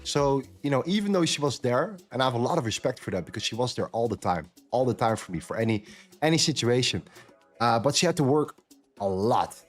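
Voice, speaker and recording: A man's voice: medium pitch, lively intonation, fairly quick, faint music behind. A man from the Netherlands, chatting candidly on a trading live stream and repeating phrases for emphasis. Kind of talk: casual chat on a live stream.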